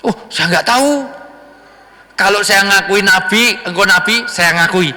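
A man voicing a boastful young liar who dodges blame with high excited exclamations. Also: unhurried, heavily acted. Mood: evasive. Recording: echoey hall.

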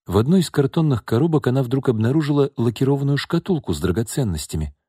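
A man reading an audiobook chapter as narrator, in an even, measured manner. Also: medium pitch, slightly rough, no room sound, clean studio sound. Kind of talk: scripted narration.

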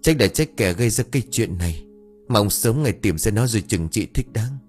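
A man voicing a village man who speaks in a gentle, reassuring way. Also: fairly low pitch, lively intonation, fairly quick, soft background music, close to an everyday voice. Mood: consoling.

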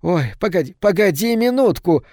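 A man's voice: very animated, moderate pace, dry recording, clean studio sound, exaggerated voice. A man voicing a shrieking furious old mother. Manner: shrill, shouting, accusing.

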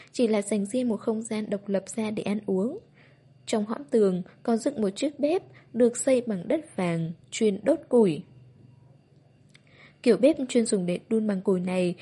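A woman narrating a novel as an audiobook in a steady, even reading voice. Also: mid-range voice, breathy edge.

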